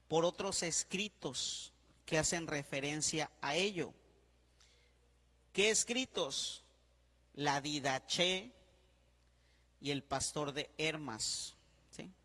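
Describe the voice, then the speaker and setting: A man's voice: fairly high pitch, takes it slowly, long pauses, sharp tone, long reverb tail. A man, a priest teaching a class, who repeats his points, spells words out letter by letter and keeps checking that the class follows. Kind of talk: classroom lecture.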